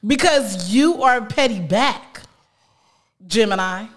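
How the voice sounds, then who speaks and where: A woman's voice: fairly high pitch, animated. Sassy woman podcast host. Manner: sassy, quick to laugh, gives advice. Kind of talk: casual podcast banter.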